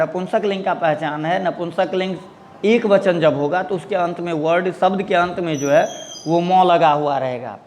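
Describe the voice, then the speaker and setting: A man's voice: sits high, big-room sound, slight background noise. A man teaching a children's Sanskrit lesson, reading word lists with their meanings and saying "okay" often.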